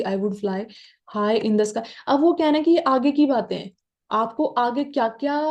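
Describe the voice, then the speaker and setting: Woman teacher, mellow, slightly high voice, chatty grammar explainer. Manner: chatty, asks and answers her own questions. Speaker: English teacher.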